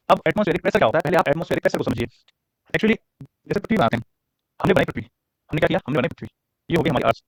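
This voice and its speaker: A man's voice: a little high, low-quality recording. A man teaching a geography lesson. He keeps asking his listeners questions, repeats each answer so they can write it down, and drags out English question phrases. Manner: repeats answers for note-taking.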